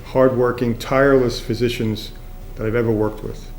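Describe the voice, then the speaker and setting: A man's voice: mid-range voice, little pitch movement, moderate pace. Man in a roomy, echoey space. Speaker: hospital leader. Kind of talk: tribute interview. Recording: roomy echo. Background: soft background music.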